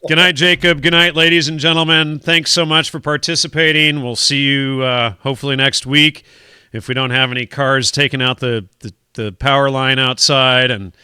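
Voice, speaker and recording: A man hosts a talk show in loose, casual chat, rambling and doubling back on his words. His voice is very bright and smooth, recorded close and dry on a studio mic with no room sound. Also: mid-range voice, fairly even intonation, moderate pace, no echo. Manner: rambling, repeats words while pleading for donations. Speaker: podcast host.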